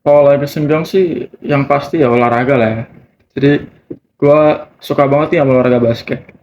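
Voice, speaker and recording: A nineteen-year-old man, a student being interviewed in a group discussion, gives casual, slangy answers. His voice is medium in pitch and his delivery brisk. The recording is muffled, noisy and lo-fi.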